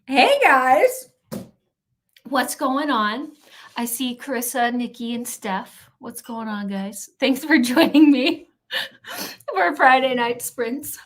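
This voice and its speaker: Chatty woman streamer, slightly high voice. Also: takes it slowly. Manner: chatty, playful trash talk, frequent laughs. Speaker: streamer hosting a reading sprint. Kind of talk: casual livestream chat reading viewer comments.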